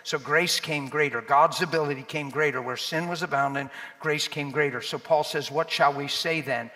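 A middle-aged man preaching a sermon in a church, animated, dropping to low asides and rising to shouted exclamations. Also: moderate pace. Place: church hall. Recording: long hall reverb.

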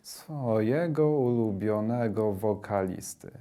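A young man in his twenties, telling his own story in a halting, reflective way for a documentary interview. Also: lowish voice, mellow, clear, resonant tone. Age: 20s.

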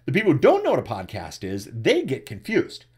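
Seated at a desk in webcam framing, a deep-voiced man in his forties hosts a live webcast and coaches viewers on podcasting through their chat questions. His husky voice moves fairly quickly, he stays animated, and he repeats words when launching into a thought, all captured on a desktop USB microphone.

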